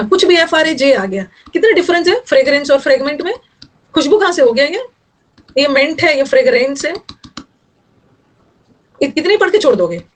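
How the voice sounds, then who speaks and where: A young woman with a high-pitched voice teaches English vocabulary in Hindi during an online lesson recorded with poor audio. She explains what words mean and teases her students a little.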